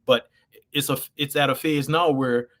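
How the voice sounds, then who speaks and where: A man with a Bermudian accent speaks casually at a middle pitch, as an interview guest would. He tells anecdotes in a loose, conversational way and slips into quoted dialogue to act them out. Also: fairly even intonation, moderate pace, a bit bright.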